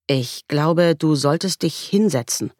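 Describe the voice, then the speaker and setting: A woman reading an audiobook, voicing a calm, patient husband who talks in a steady, soothing way. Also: low-pitched, slow pace, no echo, studio quality.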